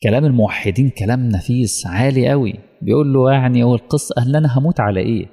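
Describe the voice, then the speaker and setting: Man, Egyptian accent, sermon, emotional pleading, dark mellow tone, long hall echo. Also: medium pitch, rapid-fire, vocal fry, husky. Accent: Egyptian Arabic. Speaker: preacher.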